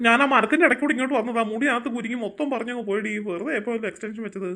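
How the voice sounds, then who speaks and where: A fretful companion, fussy about her hair, played by a woman chatters away in a kids' fan drama. Her voice sits high and she talks quickly. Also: a bit bright, lightly acted.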